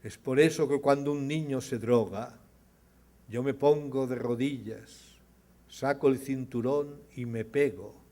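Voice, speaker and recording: An older man giving a storytelling speech, acting out the dialogue of his tales with a raised, louder voice. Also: medium pitch, unhurried. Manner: dramatizes dialogue with rising, louder voice. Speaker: speaker at an award ceremony.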